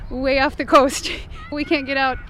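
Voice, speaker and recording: A woman schoolteacher chatting outdoors, cheerful and quick to laugh as she explains. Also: sits high, level tone, fairly bright tone, a little hiss or hum. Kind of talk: casual explanation on location. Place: outdoors near a pond.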